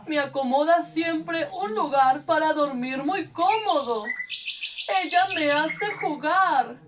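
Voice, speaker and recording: A woman's voice: sits high, slow pace, crowd noise. A woman with a Peruvian accent voicing a kind, cheerful male pet in a children's puppet show, reassuring and patiently explaining. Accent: Peruvian Spanish. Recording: voice from a distance off the mic.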